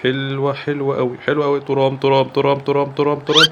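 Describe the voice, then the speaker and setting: A young man with an Egyptian Arabic accent giving excitable live commentary over football gameplay, breaking into rapid repeated cries. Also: medium pitch, muffled recording, slight background noise. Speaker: gaming YouTuber.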